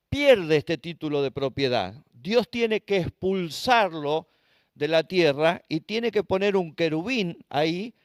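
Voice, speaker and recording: High-voiced Argentine man teaching the Bible. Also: no echo, clean studio sound. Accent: Argentine Spanish. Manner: asks the class rhetorical questions and spells out Hebrew words. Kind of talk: Bible study lesson. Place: church.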